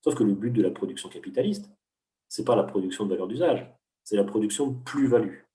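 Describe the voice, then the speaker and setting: Speaking fast in a lowish, mellow voice, a man who teaches economics explains ideas during an interview. He's patient and didactic but keeps hesitating and restarting, recorded from a distance with a roomy sound.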